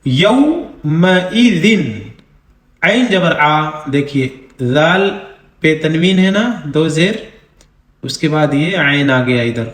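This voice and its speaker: Male Quran reading teacher, high voice, slow unhurried delivery, echoey room; spells syllables out, draws out the recited words. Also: animated, a bit bright. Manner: spells out syllables slowly, drawn-out recitation between quick explanations. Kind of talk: recitation lesson.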